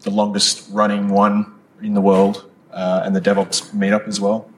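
A man's voice: fairly low pitch, monotone, normal speed. A man talking casually in an interview as a conference organizer. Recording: live room recording, faint noise.

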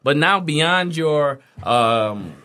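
A man's voice: on the high side, very slow. A man hosting an interview podcast, asking questions and telling stories in a loose, chatty way. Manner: storytelling, animated when telling anecdotes. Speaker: podcast host. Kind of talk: casual interview chat.

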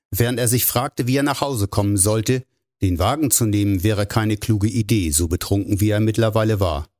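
A man narrating a novel in a measured storytelling way. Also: on the low side, a little mellow, dry recording, clean studio sound. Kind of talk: audiobook narration.

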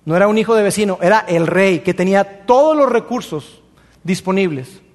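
High-voiced preacher in a reverberant hall. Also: male voice, brisk. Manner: colloquial and animated, with slangy asides. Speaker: pastor. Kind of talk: sermon, storytelling a Bible passage.

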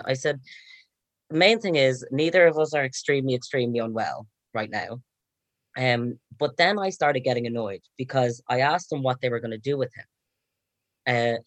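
A young man recounting events in casual chat, calm and measured as he retells a conversation. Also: medium pitch, no echo. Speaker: guest.

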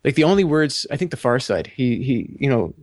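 A man co-hosting a podcast, talking through a book in halting, self-correcting speech and reading passages aloud. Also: medium pitch, big pitch swings, a little mellow, no room sound, studio quality. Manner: halting, repeats words, reads passages aloud. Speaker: podcast co-host. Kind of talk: casual book discussion.

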